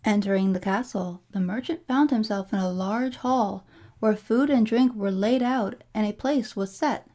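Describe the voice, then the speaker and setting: A woman narrating a fairy tale from a storybook in a measured, formal storytelling delivery. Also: medium pitch, warm tone. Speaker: storybook reader.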